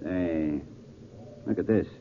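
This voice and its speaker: An actor playing a confident, commanding detective and avenger in a 1940s radio thriller, with crisp theatrical delivery. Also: male voice, low-pitched, slow pace. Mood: wry, cautious. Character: confident amateur detective, secretly a sinister avenger. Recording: tinny, hissy 1940s radio recording.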